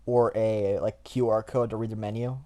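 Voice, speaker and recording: A man's voice: lowish voice, little pitch movement, normal speed, warm tone. A man co-hosting a podcast in casual chat, with a dry, joking delivery. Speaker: podcast co-host.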